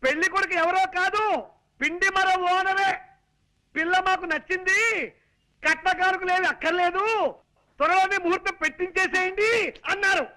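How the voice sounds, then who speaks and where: A wisecracking young student. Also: male voice, very high-pitched, rapid-fire, fairly bright tone, low-quality recording. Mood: shouting. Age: young adult. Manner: wisecracking, sarcastic. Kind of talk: film comedy dialogue.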